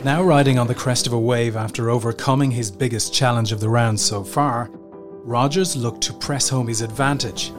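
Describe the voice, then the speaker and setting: A man narrates a sports documentary from a script in a medium-pitched voice. Music is clearly audible behind him. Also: steady tone, normal speed.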